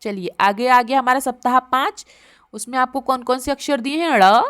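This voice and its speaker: A woman teacher, taking young children patiently through a workbook lesson and repeating each word slowly. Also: high-pitched, fairly bright tone, clear, resonant tone, no room sound, clean studio sound.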